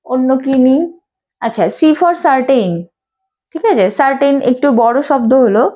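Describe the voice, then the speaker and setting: A woman teaching English speaks in a high, somewhat dark voice, captured on a poor-quality recording. Working with a small class in a classroom with a board, she drills pronunciation by patiently repeating each sound.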